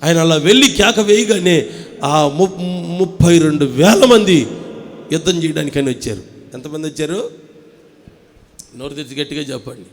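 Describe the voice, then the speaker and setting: A pastor from Andhra Pradesh, India, preaching a fervent sermon in church. He calls on the congregation to answer, swinging between loud proclaiming and hushed storytelling. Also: fairly high pitch, normal speed, long pauses. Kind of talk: impassioned sermon.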